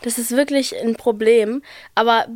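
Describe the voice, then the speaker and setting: A woman's voice: fairly high pitch, steady tone, moderate pace, darkish tone. A seventeen-year-old woman hosting a podcast in casual chat, using youthful slang mixed with English. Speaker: podcast host.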